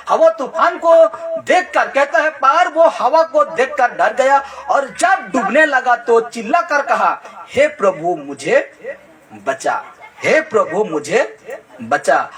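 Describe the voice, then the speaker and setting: A man's voice: extremely high pitch, fairly bright tone. A male preacher giving a Bible sermon, quizzing his congregation and repeating his key points, with light laughs between them. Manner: keeps asking the congregation questions, repeats key phrases.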